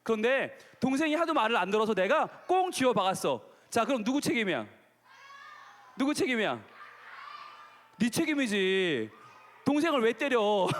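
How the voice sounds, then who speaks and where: A pastor gives a children's sermon in a very high voice that bounces up and down. He talks playfully and keeps asking the kids questions. His voice rings with the long reverb of a large gymnasium. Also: fairly bright tone.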